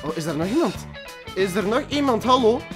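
A man with a high voice gives rapid play-by-play of his own gaming. He mocks himself, swears at the game and yelps when things go wrong, with music clearly playing underneath. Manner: excitable, self-mocking, swears and yelps at the game. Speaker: gaming YouTuber. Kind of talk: live gameplay commentary.

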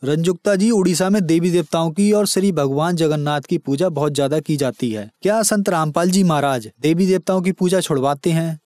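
A man conducting a formal interview, asking measured questions and addressing his guest politely. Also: on the high side, a little mellow, no echo, studio quality.

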